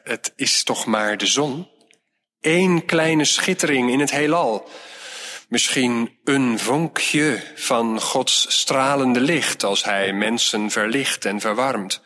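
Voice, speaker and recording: A man playing a calm, wise shepherd. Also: medium pitch. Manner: gentle, patient. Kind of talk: storybook reading. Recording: long hall reverb.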